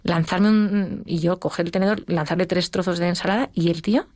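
A middle-aged woman with a Spanish accent, telling her personal story as an interview guest, emotional and quick. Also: fairly low pitch, steady tone, a little mellow, no echo, clean studio sound. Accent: Spain. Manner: fast, emotional storytelling with acted quotes. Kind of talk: personal testimony in conversation.

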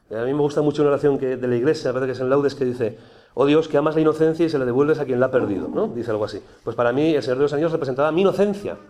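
A man giving a personal testimony to an audience, speaking in a conversational, animated way. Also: medium pitch. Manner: conversational, animated, with many restarts.

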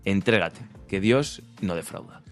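A man's voice: deep voice, lively intonation, measured pace, soft background music. A man, a priest guesting on radio, giving earnest, conversational spiritual advice.

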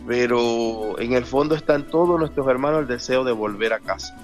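Earnest Venezuelan priest. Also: male voice, mid-range voice, normal speed, faint music behind. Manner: earnest, repeats words for emphasis. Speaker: parish priest, guest. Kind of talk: remote radio interview.

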